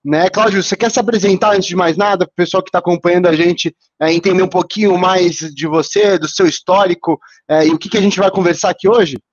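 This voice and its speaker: High-voiced male host on a call line. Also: fairly even intonation, fast, highs cut off. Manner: introduces and asks long questions with fillers. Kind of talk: live show hosting. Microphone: video call.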